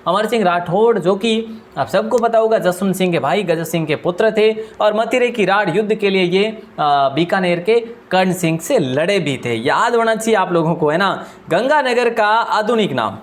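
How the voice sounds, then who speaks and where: A man teaching an exam-prep quiz lesson, talking fast and repeating each question before answering it himself. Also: high voice. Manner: asks questions aloud and answers them himself; deliberately speaks fast.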